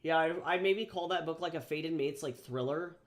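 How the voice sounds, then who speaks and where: Speaking at a normal speed on the high side, a man who's a bit under the weather draws on a livestream, where he works as an artist and author. His casual chat is rambling and profane, peppered with fillers and restarts.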